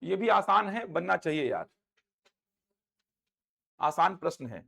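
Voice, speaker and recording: A man's voice: high voice, big pitch swings, slow pace, gravelly, a bit bright. A man teaching a maths class in a classroom, asking students questions and repeating each step, with a Chhattisgarhi Hindi accent. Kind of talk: classroom lecture.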